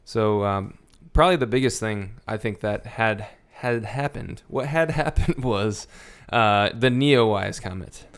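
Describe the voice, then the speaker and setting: Male podcast co-host, relaxed chatter, low and smooth. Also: measured pace, few pauses. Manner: easygoing, laughs often, trails off with ums. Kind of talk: casual chat.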